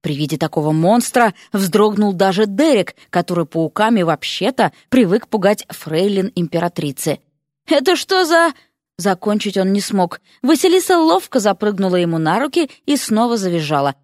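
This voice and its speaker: A woman narrating a comic fantasy story with lively, expressive reading. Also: mid-range voice, moderate pace, hardly any pauses, no room sound, studio quality. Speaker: audiobook narrator.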